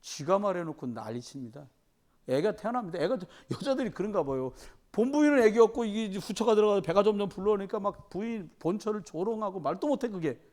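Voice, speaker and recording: A man preaching a sermon, retelling Bible stories and slipping into the voices of their characters. His voice sits high for a man. It swings widely in pitch as he tells each story. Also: quick pace. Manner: animated storytelling, acting out Bible characters in dialogue. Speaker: pastor.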